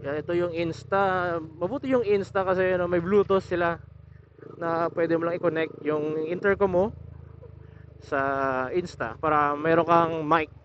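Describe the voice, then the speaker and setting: Out on his motorcycle, a young man vlogs about his setup, halting and restarting words as he walks through it step by step. His voice is a bit high, and the Bluetooth helmet intercom makes the audio muffled, with some slight background noise.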